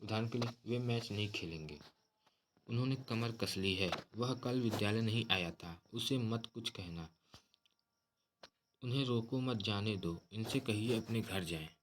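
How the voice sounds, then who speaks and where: A man, teaching a grammar lesson in a steady, explanatory way. He calls the listeners friends as he works through definitions and examples. A faint hiss runs under the recording. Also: lowish voice, measured pace.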